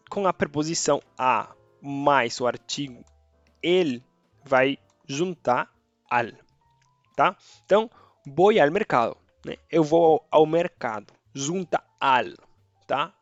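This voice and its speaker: A native Spanish speaker teaches Spanish grammar in a casual online lesson, chatty and checking in with viewers often using "tá" and "beleza." His voice is medium-pitched, the sound lo-fi with no echo.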